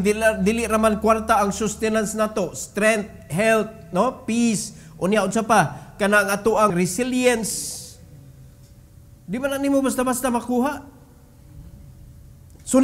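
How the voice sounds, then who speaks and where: High-voiced Filipino pastor preaching slowly. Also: male voice. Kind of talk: sermon.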